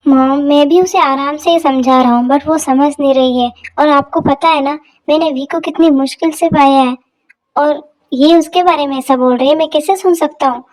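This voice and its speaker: A woman's voice: high-pitched, steady tone, normal speed, darkish tone, lightly acted. Woman doing a hot-tempered young husband. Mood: pleading. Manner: stern warnings. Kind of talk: Hindi fan dub drama.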